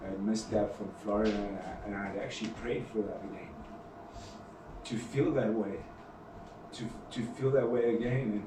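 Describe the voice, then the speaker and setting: A low-voiced man stumbles through an emotional confession, restarting his words and swearing. He sounds distant in an echoey room with clear background noise. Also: fairly even intonation. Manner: halting, repeats words, swears. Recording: echoey room from far off, noisy.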